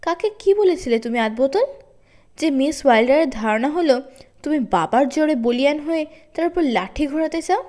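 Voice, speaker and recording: A woman voicing a stern, steady middle-aged father in a read-aloud story, speaking in a measured, firm way and stressing each word. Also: sits high. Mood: questioning.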